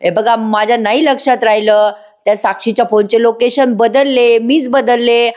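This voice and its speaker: A woman's voice: fairly high pitch, fairly even intonation, moderate pace, a little mellow, lightly acted. A woman voicing a scheming, rustic middle-aged man who begs and then grumbles. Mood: pleading. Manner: pleading, rustic.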